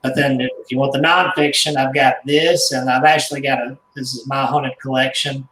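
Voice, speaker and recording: A man, a guest collector, telling stories in casual radio chat, rambling and halting with restarts and small chuckles. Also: mid-range voice, level tone, fairly bright tone, echoey room, slight background noise, rough recording. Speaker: guest, haunted doll collector and author.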